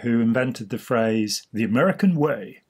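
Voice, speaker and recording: An older man hosts a casual explanatory chat in a small indoor room, gesturing freely as he explains things. His mid-range voice is husky, slightly hoarse, and darkish in tone, delivered expressively at a moderate pace.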